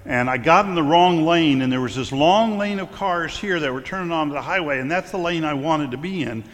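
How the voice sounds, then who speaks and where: A man's voice: on the high side, fairly quick. A middle-aged male clergyman giving a conversational sermon, telling stories with frequent fillers and stumbles. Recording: long hall reverb.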